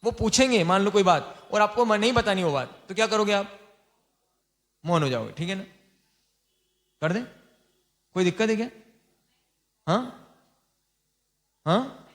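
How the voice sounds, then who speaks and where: High-voiced man giving a quizzing sermon. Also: expressive, fairly bright tone. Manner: quizzes the listeners with quick repeated questions; informal and teasing. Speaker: Jain monk teaching lay vows. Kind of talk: sermon to a lay audience.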